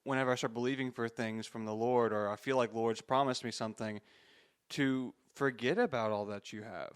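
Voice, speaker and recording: A man's voice: mid-range voice, fairly even intonation, a little fast, clear, resonant tone. A man in his thirties hosting a faith-based interview, reflective and encouraging, with frequent restarts. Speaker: podcast host.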